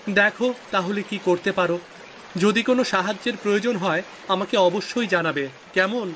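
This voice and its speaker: In a scripted cartoon story, a man voices a concerned, unmarried younger village fisherman who is inquisitive, chiding, teasing, and helpful. His voice is high and a bit bright at a moderate pace, with music and slight noise in the background.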